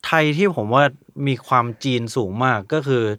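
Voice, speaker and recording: A man's voice: mid-range voice, lively intonation, normal speed, fairly bright tone, no echo, clean studio sound. A young adult man, a musician guest, explaining things in casual chat with hesitant fillers.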